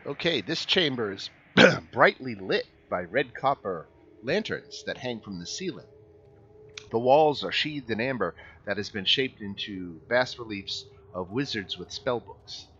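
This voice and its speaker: A man narrating a tabletop game as game master, halting and pausing often. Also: medium pitch, animated, pushed and bright. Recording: slightly muffled, faint room noise.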